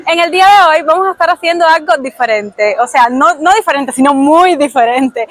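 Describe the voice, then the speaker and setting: Young Cuban woman host, high bright voice, rapid chatty delivery, lots of fillers. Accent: Cuban Spanish. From Cuba. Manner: quick and chatty, many fillers. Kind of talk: street interviews.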